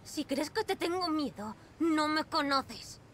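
A woman's voice: high voice, lively intonation, slow pace, fairly bright tone, a little hiss or hum, exaggerated voice. An actress playing a defiant, headstrong young woman adventurer in a dramatic video game style. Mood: angry defiance.

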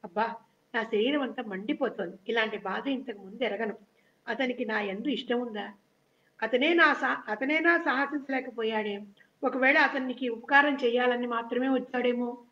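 A woman's voice: a little high, normal speed, bright, forceful tone, echoey room. A woman reading the lines of a shy, lovesick young princess who frets and reproaches herself, in a children's story reading. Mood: fretful. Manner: fretful, self-reproaching. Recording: dull lo-fi recording.

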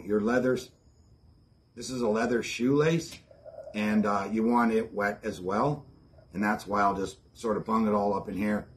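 A man in his fifties with an Ontario Canadian accent gives a casual, plainspoken how-to demonstration to the camera on a backyard patio. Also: lowish voice. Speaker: host of outdoor preparedness channel. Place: covered backyard patio, outdoors.

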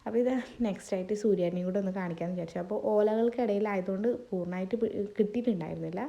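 A woman's voice: mid-range voice, fairly even intonation, rapid-fire, vocal fry, warm tone, dull audio. A woman narrates a family vlog in a chatty, rambling way, her voice wavering from a sore throat. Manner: chatty, rambling, speaking to viewers. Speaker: family vlogger. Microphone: phone.

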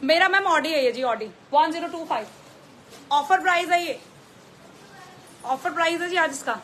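A woman's voice: very high voice, expressive, normal speed, a bit bright, slight background noise. A woman who runs a clothing store, chatting through a live sales stream, repeating prices and making teasing asides in Hindi with a Delhi accent. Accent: Delhi Hindi with English mixed in.

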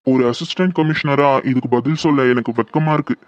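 A man's voice: a little high, a little fast, no room sound, close to an everyday voice. A man voicing a worried assistant police commissioner in a horror audio drama, talking earnestly and troubled. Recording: dull lo-fi, dry.

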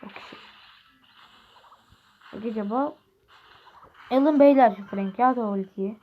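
Woman, higher voice, excitable trash-talking game commentary on a dull close mic. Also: measured pace. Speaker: gaming video creator. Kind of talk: casual gameplay commentary. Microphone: close desk mic. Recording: muffled lo-fi mic with faint hiss.

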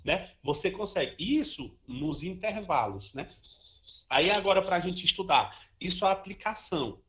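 With faint music in the background, a man gives a casual trombone lesson, chatting freely and singing short syllables to demonstrate articulation. His voice is high, expressive and a bit bright, at a moderate pace. He tags many phrases with "ó" and "né" in this informal music lesson.

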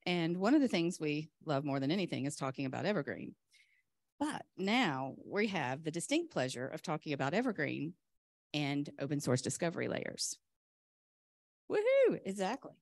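A woman presenting a rushed lightning talk at a conference, enthusiastic and chatty, often interrupting herself in a flustered way. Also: sits low, animated, no echo, clean studio sound. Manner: flustered, chatty self-interruptions while juggling laptop. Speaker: conference speaker, software vendor presenter.

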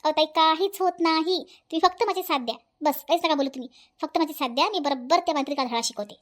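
A brash young village woman with a Vidarbha accent, lecturing and scolding with total confidence, as a woman voices her for a cartoon. Her voice is high and bright. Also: fast, lightly acted. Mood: firm. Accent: Vidarbha Marathi. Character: bold clever young village woman Priyanka. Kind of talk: cartoon voice acting.

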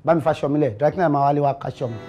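A man's voice: a little high, very fast, dark tone, highs cut off, faint music behind, natural voice. An actor with a Nigerian accent playing a young man who lectures his housemate and then pleads with his girlfriend. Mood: bossy. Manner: code-switching, bossy, then stammering and pleading. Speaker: fiancé in a domestic drama.

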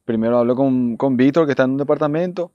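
A man, a former footballer telling his story as an interview guest; he talks earnestly, repeats his phrases and often drops to a soft low voice. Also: fast, no echo. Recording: dull dry studio sound.

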